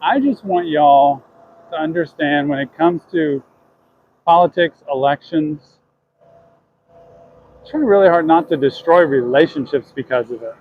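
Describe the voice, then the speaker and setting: A man's voice: on the high side, unhurried, long pauses, phone-quality sound, a little hiss or hum. A man chatting earnestly to his viewers while walking down city streets, answering questions from chat.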